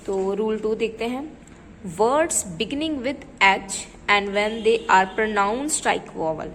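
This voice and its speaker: A woman teaching English grammar in a lesson, reading examples slowly and asking rhetorical questions as she goes. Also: medium pitch, in a large hall, a little hiss or hum, poor audio. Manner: slow, deliberate reading of example sentences; checks understanding with repeated rhetorical questions. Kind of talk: classroom lesson explaining grammar.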